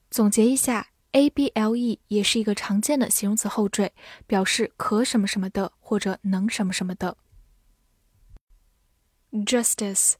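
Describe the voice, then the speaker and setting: A woman teaching English vocabulary from a script, spelling each word letter by letter and repeating it slowly. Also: on the high side, a little mellow, no room sound, clean studio sound.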